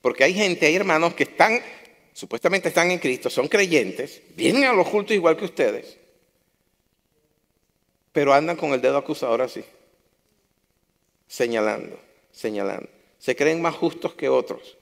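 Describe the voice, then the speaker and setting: A man's voice: a little high, lively intonation, normal speed, gravelly, a bit bright. A man preaching a sermon to his congregation, impassioned, repeating phrases for emphasis. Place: church hall. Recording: long hall reverb.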